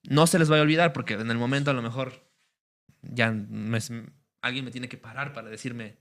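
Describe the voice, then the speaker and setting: Bright-voiced man teaching a class. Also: mid-range voice, steady tone, normal speed. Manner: explanatory, checks understanding with the class, many fillers. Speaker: religious teacher.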